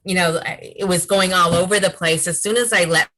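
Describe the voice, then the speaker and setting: Bright, lower-pitched woman chatting. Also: brisk. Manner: animated, giggly, many restarts and likes. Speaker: co-host. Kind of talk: casual movie review chat.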